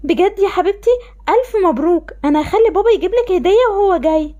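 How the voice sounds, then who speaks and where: An offhand, dismissive mother, voiced by a woman with an Egyptian accent, pitched a little below her own voice but still high. She speaks quickly in a game-animation story. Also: lively intonation, warm tone, dull audio. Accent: Egyptian Arabic. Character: indifferent mother who favors one daughter.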